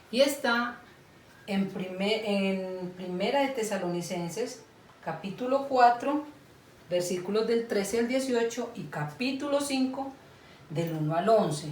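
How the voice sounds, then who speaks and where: Slow-speaking woman teaching children. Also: mid-range voice. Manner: slow, patient, asks children for agreement. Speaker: children's Sunday school teacher. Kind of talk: Bible lesson for small children. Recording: echoey room, far from mic, faint noise.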